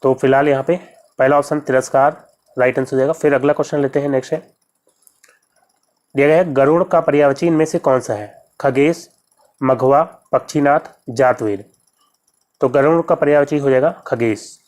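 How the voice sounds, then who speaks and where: A teacher giving an exam-prep lesson, reading each question and its options aloud, then explaining the answer step by step and repeating key terms slowly. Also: medium pitch, fairly even intonation, darkish tone.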